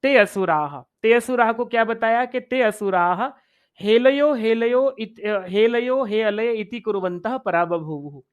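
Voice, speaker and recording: Man, high-pitched, Sanskrit lecture, patient repetition, chanted verses. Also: lively intonation, measured pace, clean tone. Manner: explains step by step, repeats phrases, chants Sanskrit verses. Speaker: Sanskrit teacher. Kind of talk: online exam-prep lecture.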